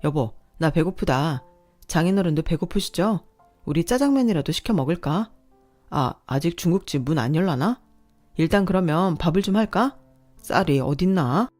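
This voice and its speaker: A woman's voice: lowish voice, animated, moderate pace, darkish tone, soft background music. A woman voicing a flustered young husband who chatters nervously to change the subject in a read-aloud story. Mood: fussy. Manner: fussy, deflecting, nervous chatter. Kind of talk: scripted story reading.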